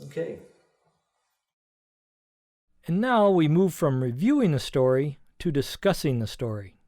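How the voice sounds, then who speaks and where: Animated man telling a Bible story. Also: unhurried, distant mic. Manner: animated, raises pitch for quoted characters. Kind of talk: storytelling Bible lesson to a group. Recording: echoey room, voice from afar.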